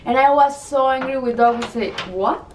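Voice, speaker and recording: Lady chatting, kinda high voice, echoey room. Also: normal speed, slight background noise. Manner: emphatic, repeats herself, broken English. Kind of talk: casual chat on camera.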